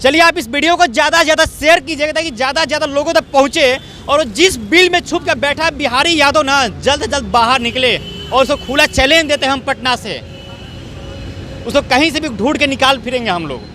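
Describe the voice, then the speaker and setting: A man's voice: extremely high pitch, brisk, bright, forceful tone, slight background noise. A man reporting from outdoors, speaking with anger and accusation. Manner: angry, accusing. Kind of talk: street news report.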